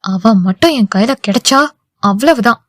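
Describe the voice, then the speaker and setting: A woman's voice: on the high side, lively intonation, moderate pace, dry recording, clean studio sound, voice pushed down, lightly acted. Brief: irritable older sister in an audio novel, voiced by a woman. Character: elder sister-in-law, irritable and upset.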